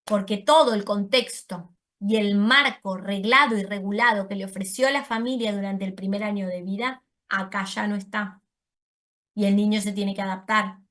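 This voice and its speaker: In a steady, medium-pitched voice with a fairly bright tone and moderate pace, a woman lectures an audience as a speech therapist. The talk is explanatory, uses voseo, and includes self-corrections.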